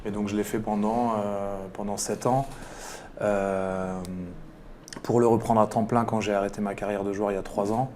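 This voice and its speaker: A man in his thirties, a rugby coach, answering interview questions on the radio with many pauses and restarts. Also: on the low side, level tone, darkish tone, a little hiss or hum. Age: 30s. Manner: hesitant, many fillers and restarts.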